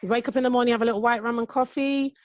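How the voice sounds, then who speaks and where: A middle-aged woman from England with a London accent touched by Jamaican patois, chatting excitedly and rambling as a podcast guest. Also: a little high, racing, dry recording. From United Kingdom. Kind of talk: casual chat.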